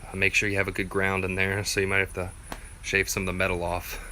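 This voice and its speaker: In a casual, unscripted DIY gear tutorial, a male vlogger explains things plainly, his very bright, forward voice sitting low and staying flat and even. He talks fast, and the handheld recording picks up some background noise.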